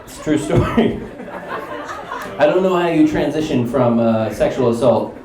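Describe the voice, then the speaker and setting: A young man doing stand-up storytelling on stage, animated and acting out other people's lines. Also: medium pitch, moderate pace. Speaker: stand-up comedian. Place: comedy stage before a laughing audience. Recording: roomy live club with crowd laughter.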